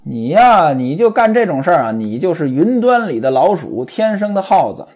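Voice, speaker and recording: A scolding, teasing young concubine from a told classic tale, put on by a male storyteller. Her voice sits a little high and swings up and down in lively turns. She talks quick and sharp. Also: slightly rough. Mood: mocking. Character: sharp-tongued mocking young concubine, woman.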